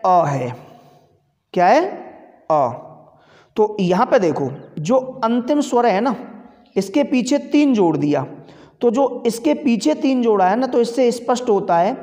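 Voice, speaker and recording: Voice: mid-range voice, animated, a little slow, long pauses, warm tone, long reverb tail. A teacher giving a Sanskrit grammar lesson, explaining step by step, asking the class questions and answering them, and stretching out sounds to demonstrate.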